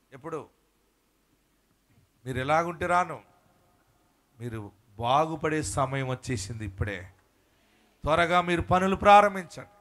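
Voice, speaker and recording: A male pastor preaching and leading prayer in a live church service, fervent and building to shouts. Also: high voice.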